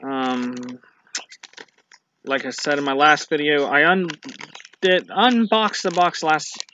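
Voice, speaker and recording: A fishing channel host with a fairly high, bright, forceful voice gives a casual product review to camera in a grassy yard at dusk, speaking slowly and rambling with frequent ums and restarts. The built-in camera mic sits at arm's length, giving dull lo-fi audio with faint noise.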